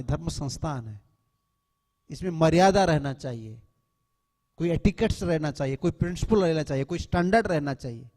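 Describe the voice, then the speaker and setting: A swami gives an earnest lecture to devotees in a temple hall, admonishing them and mixing English words into his speech. His voice is fairly high-pitched with a dark tone, and the recording has a long hall reverb.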